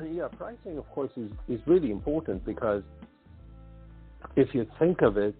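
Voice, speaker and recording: A middle-aged man from Sweden, a pricing consultant guest on a podcast, speaking hesitantly with many restarts and throat-clearing. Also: medium pitch, expressive, normal speed, faint music behind. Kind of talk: podcast interview. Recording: tinny phone line.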